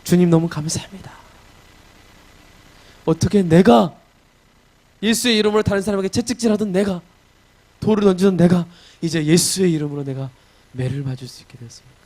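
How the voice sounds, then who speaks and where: A man voicing a humbled male apostle praying in prison, speaking softly and slowly with gratitude. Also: sits high, pitched above the performer's own voice. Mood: humbled, grateful. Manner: soft, slow, hushed prayer.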